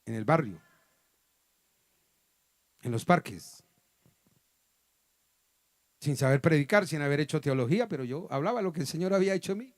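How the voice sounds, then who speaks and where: Male pastor, Colombian accent, higher voice, dry close recording, dramatic sermon storytelling. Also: expressive, moderate pace, pauses often, no echo. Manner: dramatic storytelling, acting out voices with sudden loud and soft turns. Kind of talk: sermon testimony. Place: church hall.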